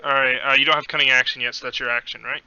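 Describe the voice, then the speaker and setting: A man acts as game master, narrating a fantasy adventure in a very bright, punchy voice. His delivery is casual and playful, with crisp clarity despite a slightly dull, lo-fi recording. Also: mid-range voice, little pitch movement, racing.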